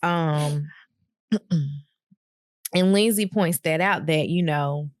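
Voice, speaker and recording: A woman co-hosts a casual recap podcast, talking through a TV episode in an easygoing way and laughing often. Her voice sits low and she takes her time. The sound is dry and close. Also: slow, no room sound. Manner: laughs often, many ums, relaxed storytelling. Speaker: podcast co-host. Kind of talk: casual reality TV recap chat.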